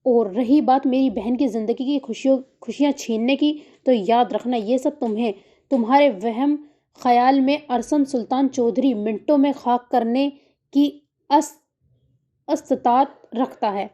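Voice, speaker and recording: A woman's voice: on the high side, mellow, muffled recording, natural voice. A woman reading the lines of a brooding, vengeful young man who makes clipped, menacing threats, in an audiobook story. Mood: threatening.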